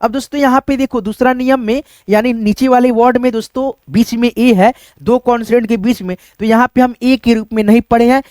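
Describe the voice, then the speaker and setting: A man's voice: very high voice, fairly even intonation, a little fast, few pauses, a little mellow, no room sound. A man teaching English reading, explaining letter sounds and quizzing his viewers as friends, with lots of repetition. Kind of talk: Hindi-language phonics lesson.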